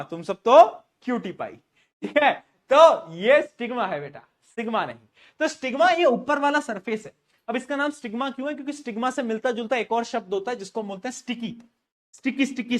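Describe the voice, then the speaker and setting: This man's voice sits high and a bit bright as he runs a live online science class. Playful and joking, he throws quiz questions at his students and answers them himself.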